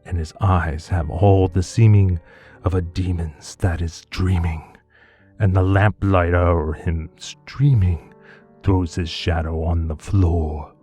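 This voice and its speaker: A man voice actor giving a theatrical poetry reading, swinging between hushed murmurs and anguished cries. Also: low voice, fairly even intonation, takes it slowly, slightly rough, soft background music. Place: home studio.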